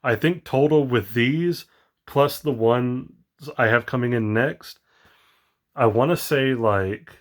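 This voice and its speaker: A man vlogging casually about his toy collection, rambling with many ums, excited but tired and yawning late at night. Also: medium pitch, slow pace. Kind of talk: casual unboxing vlog.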